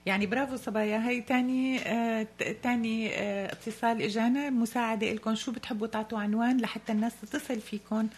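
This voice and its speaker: A woman's voice: a little high, fairly even intonation, quick pace, hardly any pauses. A woman with a Levantine Arabic accent hosting a live radio call-in, polite and encouraging with callers.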